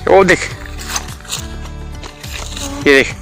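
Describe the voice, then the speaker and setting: A man's voice: drawn-out words, bright, forceful tone, soft background music. Chatty man vlogging outdoors. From Uttarakhand, India. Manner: chatty, addresses viewers as friends. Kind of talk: casual travel vlog. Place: outdoors on a mountain village path.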